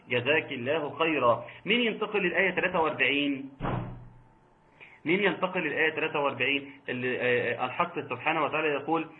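Egyptian sheikh teaching recitation, tinny line. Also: male voice, on the high side, slight background noise. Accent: Egyptian Arabic. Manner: slow drawn-out recitation of verse examples, patient corrections. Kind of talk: online Quran recitation lesson, correcting students.

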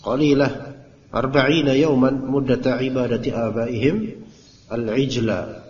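Animated man teaching in an echoey hall. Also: mid-range voice, measured pace, a little hiss or hum. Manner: casual, animated, acts out quotes and jokes. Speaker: Islamic teacher. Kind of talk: Quran commentary class. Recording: roomy echoey lecture recording, dull lo-fi.

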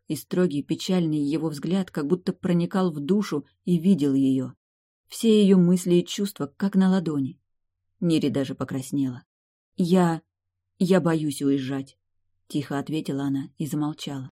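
Calm, mellow audiobook narrator. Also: mid-range voice, no echo, studio quality. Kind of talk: scripted novel narration.

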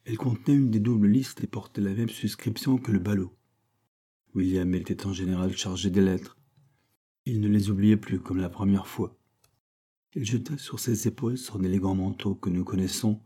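Husky, dark-voiced male narrator. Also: sits low. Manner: steady, measured reading. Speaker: audiobook narrator. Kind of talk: scripted novel narration.

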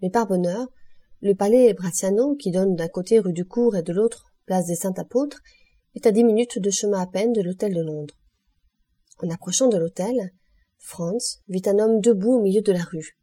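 A woman reading a classic novel aloud as an audiobook narrator, in a measured, even way. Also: mid-range voice. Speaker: audiobook reader.

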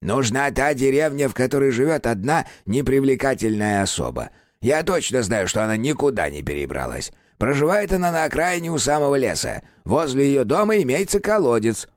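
Grumpy little house spirit, as the narrator puts him on, creaky and irritable, pitched up, bouncy intonation. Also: male voice, very animated, brisk, hardly any pauses, dry recording, studio quality, lightly acted. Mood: businesslike. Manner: grumbling, irritable.

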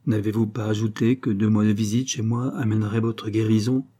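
A man's voice: on the low side, level tone, a little fast, dark tone, breathy edge. A man reading the part of a poised, ironic young widow in an audiobook. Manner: ironic, lightly teasing.

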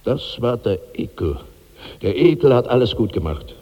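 An actor playing a huge, ravenous old man in his sixties in a 1960s radio drama, brooding and husky, breaking into loud cries. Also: mid-range voice, sing-song, moderate pace, big-room sound, muffled recording. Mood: exalted. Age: 60s.

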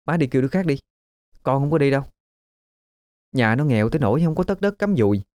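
A man voicing a spoiled, sharp-tongued young woman in a spoken ghost story. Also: mid-range voice, animated, quick pace, dry recording, clean studio sound, pitched above the performer's own voice, natural voice. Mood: scornful.

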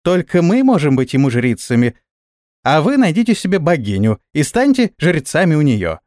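A tiny winged fairy girl, shrill and eager, who bosses the others around as a self-made priestess, put on by a man reading a story. Her voice sits high and jumps about. It is recorded close and dry, with no room sound. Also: very animated, normal speed, darkish tone, no echo. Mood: bossy.

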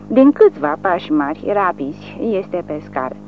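An audiobook narrator reads with a dramatic delivery and a lively, swinging pitch. The recording is thin and phone-like, with faint music in the background.

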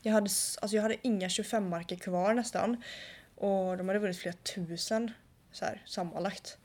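A young woman co-hosting a casual chat, telling a story in a lively way and acting out dialogue. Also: medium pitch. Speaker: podcast co-host.

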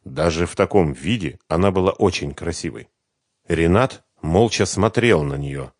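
A man reading an audiobook in a measured, expressive way. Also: low voice, no echo, clean studio sound. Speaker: audiobook reader. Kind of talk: scripted audiobook narration.

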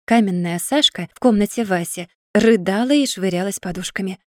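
A woman narrating a fantasy audiobook in an even, measured storytelling manner. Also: medium pitch, no echo, studio quality. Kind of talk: scripted fairy-tale narration.

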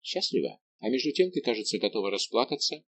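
A man's voice: mid-range voice, very animated, fast. A man reading an insistent, commanding young woman who teases her friend in an audiobook. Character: lively bossy young woman, a teasing friend.

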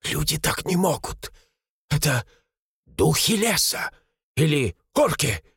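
A man voices a frightened young police sergeant, pale and shaking. He stammers with teeth chattering. The voice is husky and close to the mic. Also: high voice, very animated, moderate pace, fairly bright tone, no echo, voice pushed up, exaggerated voice. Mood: terrified. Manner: trembling, stammering.

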